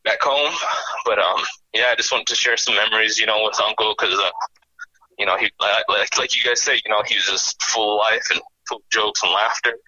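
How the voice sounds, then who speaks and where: A man's voice: fairly low pitch, fairly even intonation, fairly quick, pushed and bright, husky, dry recording. A man calls in to share memories, sounding choked up and emotional as he rambles. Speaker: caller. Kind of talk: phone-in tribute memories. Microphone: phone audio call. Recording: dull, dry phone-quality audio.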